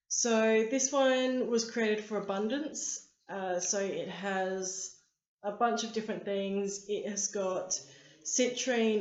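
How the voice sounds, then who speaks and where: A woman's voice: mid-range voice, a little mellow. A woman who is losing her voice chats casually about crystal grids in a rambling, friendly way, with lots of ums and likes. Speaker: crystal grid teacher and seller. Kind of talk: casual chatty vlog. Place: indoor shop space. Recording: roomy, dull lo-fi sound.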